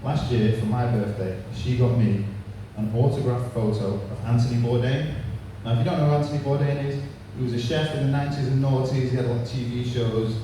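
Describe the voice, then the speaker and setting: Fairly quick and barely pausing, a thirtysomething English stand-up with a Manchester accent delivers punchy, crude material in a warm, steady, mid-range voice. The recording comes from far away in an echoey, noisy pub.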